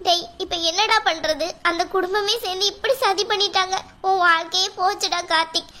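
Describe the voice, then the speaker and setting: A worried middle-aged mother from a cartoon, voiced by a woman. Her voice is very high and bright, almost squeaky. She talks in a fretful, pleading way. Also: fairly even intonation, brisk. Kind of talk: cartoon voice acting.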